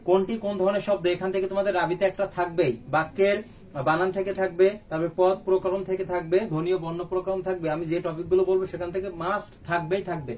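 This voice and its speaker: A high-pitched man teaches a live online exam-prep class, asking students questions and answering them himself. He sits a little back from the mic. A faint background hiss runs under his voice. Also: level tone, fast talker, a little mellow, muffled recording. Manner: quizzing, rhetorical questions and answers. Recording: faint background noise, slightly distant mic.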